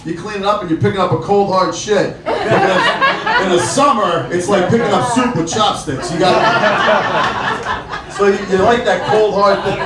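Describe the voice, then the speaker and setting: A man's voice: high-pitched, big pitch swings, normal speed. A middle-aged man from the Shore, doing a brash, profane stand-up set and working the crowd. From Jersey Shore, USA. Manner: brash, profane, chatty with the audience. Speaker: stand-up comedian. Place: comedy club stage. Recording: roomy live club audio from a distant mic. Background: laughing crowd.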